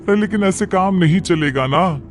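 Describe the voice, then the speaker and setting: A man's voice: high-pitched, normal speed, faint music behind, natural voice. A man voicing a strict, bossy middle-aged mother-in-law who scolds and gives orders in a cartoon. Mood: stern. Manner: scolding, commanding. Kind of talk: cartoon voice acting.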